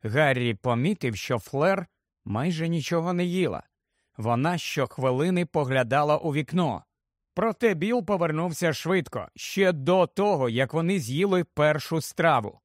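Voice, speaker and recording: A man reading an audiobook aloud in an expressive, steady storytelling manner. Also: on the high side, normal speed, dry recording, studio quality. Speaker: audiobook narrator.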